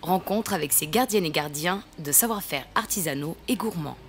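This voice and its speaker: Low-voiced woman narrating news. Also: animated, normal speed. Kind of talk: scripted narration.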